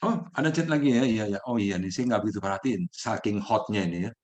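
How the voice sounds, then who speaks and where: Man, middle-aged, mindfulness host, casual teaching, animated, fillers. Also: fast talker. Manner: animated, jumps up high when acting out people; fillers and restarts, laughs often.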